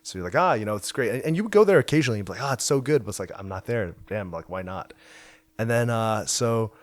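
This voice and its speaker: In a relaxed interview at a Waterloo house, a young founder of a hacker house, who grew up in China, thinks back on his path as a founder, using plenty of fillers. The recording is dry, and his lowish male voice comes at a quick pace.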